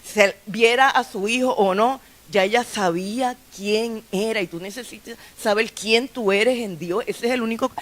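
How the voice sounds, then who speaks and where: A woman's voice: on the high side, normal speed, few pauses. A woman pastor, preaching a sermon in a chatty, conversational way, often restarting her phrases. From Puerto Rico. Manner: conversational preaching with frequent restarts and light laughs. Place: church sanctuary.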